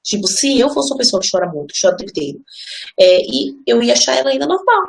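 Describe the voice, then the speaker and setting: A woman's voice: very animated, fast talker, gravelly. A woman and mother giving a live online parenting class, explaining earnestly and conversationally and turning to the audience as she talks. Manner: earnest and explanatory, often addresses listeners as "gente"; drops into a soft, low, gentle voice when speaking as she would to her child.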